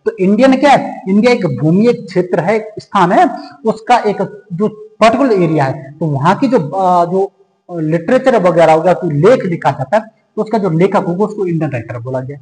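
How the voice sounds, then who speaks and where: A man teaching an English grammar lesson in a high voice, with a long reverb trailing after his words. He puts questions to the class and answers them himself. He says the English example sentences slowly, then explains them at a quicker pace. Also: lively intonation, a little mellow. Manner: moves from slow, drawn-out English examples to quick Hindi explanation.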